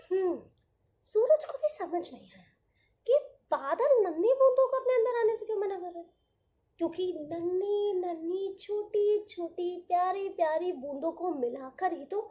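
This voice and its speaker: A woman narrating a children's story in a slow, gentle and expressive way. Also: very high voice. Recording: dull lo-fi audio.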